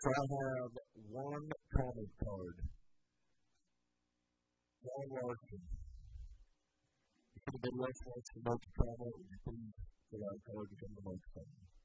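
A man's voice: mid-range voice, fairly even intonation, a little slow, long pauses, background noise. Man chairing a public board meeting. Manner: procedural, inviting comments. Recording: dull lo-fi meeting recording.

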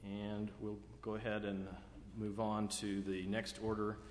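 An American man chairing a formal public meeting in a measured, procedural way. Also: fairly low pitch, monotone. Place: large echoey indoor meeting room. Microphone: meeting microphone. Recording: echoey meeting room, clear background noise.

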